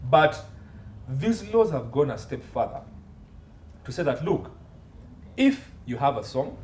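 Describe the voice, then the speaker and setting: This is a very animated, unhurried man with a mid-range, slightly mellow voice: a Ugandan entertainment and media law consultant interviewed as a guest, laying out emphatic explanations point by point. Echo fills the room, with faint background noise.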